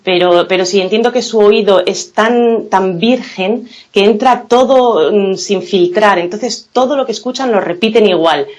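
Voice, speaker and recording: A woman from Spain with a Spanish accent, speaking as an interview guest in a thoughtful, hesitant way. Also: mid-range voice. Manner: thoughtful, hesitant, many pauses and fillers. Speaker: guest, English academy founder. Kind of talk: casual interview chat.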